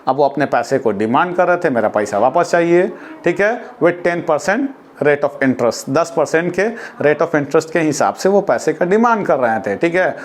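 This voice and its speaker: Man, teacher, slightly high voice, classroom lesson, brisk Hindi with slow English lines, rhetorical questions. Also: animated. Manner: explains in Hindi, then reads English lines slowly and deliberately; addresses students as "beta", asks and answers his own questions.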